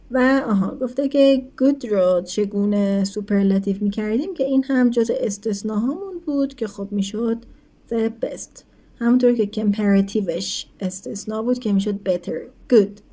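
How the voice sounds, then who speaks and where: A woman teacher explaining English grammar in a recorded lesson, speaking quickly in her explanations and slowing right down for English examples, often checking in with her students. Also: fairly high pitch, mellow. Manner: switches between quick explanations and slow, deliberate English examples; addresses students as kids, asks rhetorical checks.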